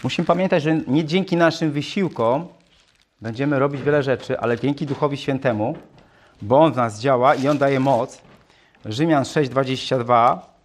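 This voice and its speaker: A man's voice: mid-range voice, normal speed, a little hiss or hum. A man preaching a sermon, reading Bible verses aloud and explaining them, often asking his listeners questions and repeating phrases.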